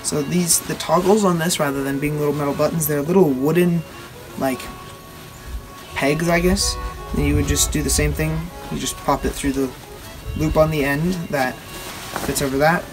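A young man giving a casual, halting show-and-tell as a video host, recorded outdoors at a short distance from the camera. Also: a little high, fairly even intonation, over music. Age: teenager or young adult. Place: outdoors on a wooden backyard deck.

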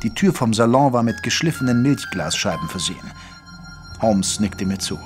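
An actor playing a sober Victorian doctor who narrates a detective adventure in a German audio drama. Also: male voice, fairly low pitch, lively intonation, normal speed, natural voice. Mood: tense narration. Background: music.

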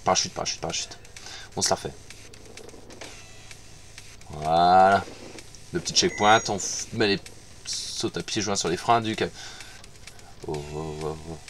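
A man's voice: deep voice, a little slow, long pauses, a bit bright, a little hiss or hum. A man gives casual commentary over his gameplay, muttering to himself, repeating words and swearing when he fails. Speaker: gamer playing on stream.

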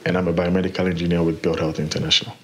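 A man's voice: low voice, flat delivery, very fast, a bit bright. A man from Ghana, a biomedical engineer, explaining his work steadily in a documentary interview. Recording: interview with music bed behind.

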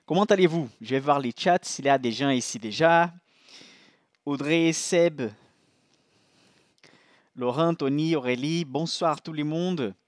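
With long pauses and an unhurried delivery, a Brazilian-accented man whose first language is Portuguese leads a live-streamed investing class. A financial analyst and host, he's chatty, keeps saying "ok?" to listeners and restarts himself. His pitch is fairly high, and the studio sound is clean with no echo.

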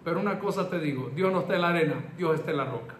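A man's voice: fairly high pitch, racing. A man, preaching a sermon in an emphatic, rhythmic call-and-response way, recorded in an echoey room. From El Salvador. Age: 50s. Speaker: pastor. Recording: echoey room with faint noise.

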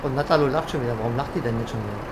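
A man playing a driving game and talking the whole way through in loose, joking banter. His voice sits at an ordinary middle pitch, and he breaks into bits of made-up silly song between his chatter. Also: racing, over music. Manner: joking, rambling banter with improvised silly singing. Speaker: let's play gamer. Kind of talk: casual gaming commentary.

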